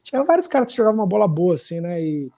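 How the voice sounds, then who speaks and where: A Paulistano musician in his forties, guesting on a podcast, tells stories in a loose, meandering way, tagging sentences with little questions. He talks rapid-fire in São Paulo-accented Brazilian Portuguese, his voice a bit high for a man yet warm and mellow.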